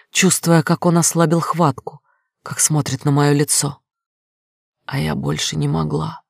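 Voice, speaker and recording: Guy reading an audiobook, raspy low edge, dead dry sound, really intense. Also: dry recording. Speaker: audiobook reader. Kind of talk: dramatic audiobook narration.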